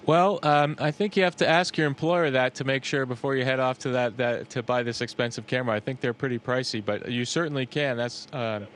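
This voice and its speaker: Male astronaut, halting, faint hum. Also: mid-range voice, steady tone, a bit bright. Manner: halting, conversational. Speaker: astronaut being interviewed. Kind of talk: casual explanatory interview answers. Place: aboard a space station.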